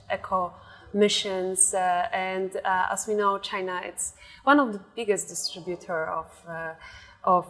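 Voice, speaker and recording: A woman's voice: lowish voice, a bit bright, rough recording. A woman hosting a podcast, introducing her guest in a chatty way with many fillers and restarts. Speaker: podcast host.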